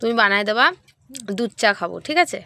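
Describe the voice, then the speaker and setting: A woman vlogging casually at home, talking quietly and gently coaxing her mother. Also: medium pitch, animated, brisk. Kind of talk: casual vlog chat. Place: at home with family.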